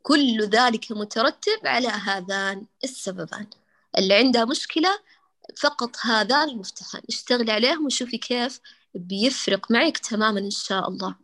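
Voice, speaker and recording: A woman leads a Quran recitation lesson, her voice sitting a little high. She explains patiently, demonstrating each letter sound again and again, and addresses her students with warm terms of endearment. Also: expressive, fairly quick. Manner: affectionate, addresses students as dears. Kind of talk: online class, tajweed correction lesson.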